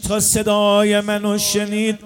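High-voiced man chanting a religious story. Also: monotone, soft background music. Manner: impassioned, half-sung delivery. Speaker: religious eulogist.

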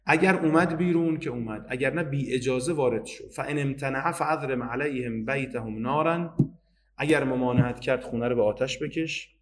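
Man teaching a religious history lesson. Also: mid-range voice. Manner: reads Arabic narration slowly, then explains in casual Persian. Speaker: religious lecturer.

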